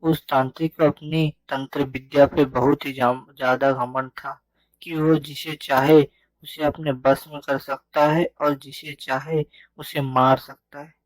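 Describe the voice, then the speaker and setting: A man's voice: mid-range voice, little pitch movement, a little slow, no echo, poor audio. A man narrating a village ghost story as a storyteller.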